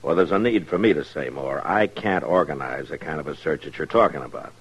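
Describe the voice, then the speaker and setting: An actor playing a patient, firm frontier marshal with an American accent, speaking in a measured, dry, polite way in a radio western. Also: male voice, very deep voice, husky, muffled recording, heavily acted. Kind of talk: old-time radio western acting.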